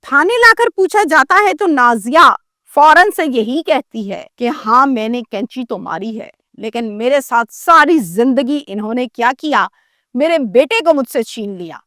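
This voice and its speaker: A woman's voice: high-pitched, animated, bright, forceful tone, dry recording, clean studio sound. A woman presenting a crime news story in a dramatic storytelling way, acting out the quoted lines.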